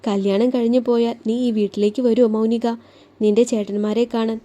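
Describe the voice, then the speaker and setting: A woman voicing a young male police officer who speaks quietly and gently in a romantic audio story. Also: on the high side, little pitch movement, moderate pace, close to an everyday voice. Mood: tender.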